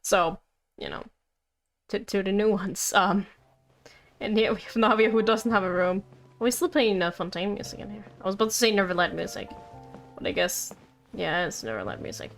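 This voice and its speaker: Streaming a game, a woman with a medium-pitched, expressive voice talks at a moderate pace and pauses often. Her chatter is casual, playful and rambling, directed at her viewers and herself, over game music.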